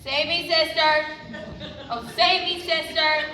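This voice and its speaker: A woman acts out a frightened young woman on the verge of fainting, drawing out every line melodramatically. The voice is high and unhurried. It is picked up from a distance in a reverberant hall with background noise. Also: steady tone. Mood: panicked. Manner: melodramatic, drawn-out delivery. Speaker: student actor. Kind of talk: stage play acting. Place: large hall stage with audience. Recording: echoey hall from far off.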